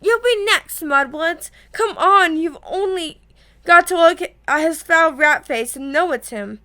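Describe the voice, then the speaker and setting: Snappy sarcastic teen boy, lady reading, high bright voice. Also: unhurried, exaggerated voice. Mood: heated. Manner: sarcastic, hotheaded. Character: hot-tempered teenage schoolboy, sarcastic.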